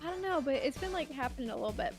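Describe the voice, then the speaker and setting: A woman chatting casually as a friend on a group voice call, heard through the voice chat with quick, offhand remarks. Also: high-pitched, lively intonation, faint music behind. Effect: heard over a group voice chat.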